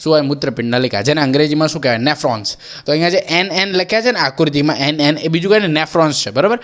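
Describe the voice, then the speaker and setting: A man's voice: on the high side, rapid-fire, fairly bright tone. A young man with a Gujarati accent teaching an exam-prep biology lesson, asking questions and answering them himself, repeating each key term. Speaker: biology tutor.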